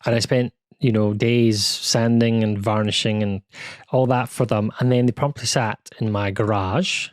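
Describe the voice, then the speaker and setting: A man's voice: medium pitch, little pitch movement, normal speed, no room sound. British guy rambling about his sewing stuff, lots of asides, dry close sound. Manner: chatty and self-deprecating, with many asides and restarts. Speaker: quilting channel host. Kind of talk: casual chat. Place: home sewing room.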